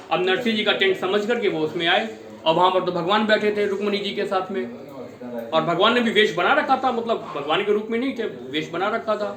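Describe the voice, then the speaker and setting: A man narrating a devotional story in a lively, exclamatory manner. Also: sits high. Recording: echoey room with faint noise.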